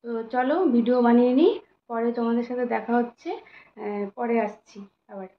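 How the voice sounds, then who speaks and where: A young woman with a fairly high voice talks viewers through her cooking and chores in an easy, chatty way. She speaks from her home kitchen, and the recording sounds a little dull and lo-fi. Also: steady tone, fairly quick. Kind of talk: casual chat to viewers.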